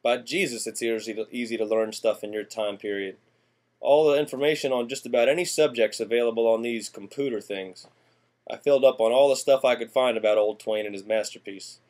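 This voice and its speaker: A man's voice: medium pitch, brisk, a little mellow, close to an everyday voice. A man playing a folksy, rambling small-town man from the 1890s, talking through an acted class monologue. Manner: folksy and rambling, drawling country slang. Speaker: student presenter in character.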